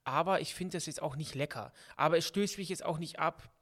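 A man's voice: a little high, a little fast, a bit bright. A man co-hosting a casual podcast, joking and rambling with frequent restarts. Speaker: podcast co-host. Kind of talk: casual chat.

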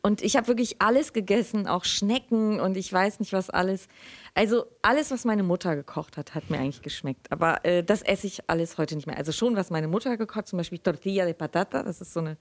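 Middle-aged woman reading her book aloud, steady mid pitch, dry close mic. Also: no echo. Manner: measured reading voice, then loose and chatty with fillers. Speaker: author reading and answering questions. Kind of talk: literary reading, then casual answers.

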